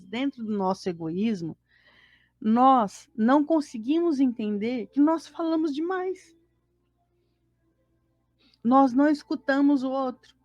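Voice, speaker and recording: Co-hosting a spiritist gospel study from home on a live stream, a Brazilian woman with a darkish, high-leaning voice teaches informally. She poses rhetorical questions, acts out everyday scenes and voices, and sighs in dismay. The audio is dry and lo-fi.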